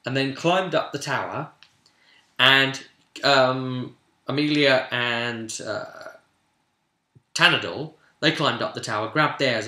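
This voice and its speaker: In a reverberant, open-sounding room, a mid-range male voice recaps a tabletop game session for his role-playing vidcast. He's the game master, telling it casually and animatedly with sudden swells of emphasis.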